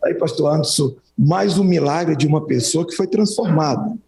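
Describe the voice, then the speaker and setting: A man interviewing for a church program, asking gentle prompting questions. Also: fairly high pitch, normal speed, gravelly.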